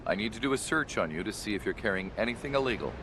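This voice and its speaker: Casting: male actor as formal game cop, quick delivery, lowish pitch, traffic rumble behind. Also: lively intonation, natural voice. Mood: formal, firm. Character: brisk, formal male police officer in a video game. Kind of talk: scripted game dialogue. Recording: noisy street and vehicle rumble.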